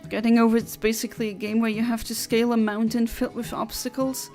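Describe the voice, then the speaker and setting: A woman's voice: on the high side, little pitch movement, quick pace, warm tone, faint music behind. A young woman from Luxembourg, chatting on a livestream headset mic, reading out viewer comments and giggling between rambling asides.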